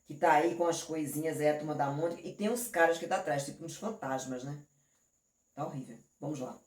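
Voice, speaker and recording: A Brazilian woman teacher with a Brazilian Portuguese accent, reviewing an exam in an animated, affectionate way and using many diminutives. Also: sits low, a little fast. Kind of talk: online exam review lesson. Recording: roomy and distant from the mic.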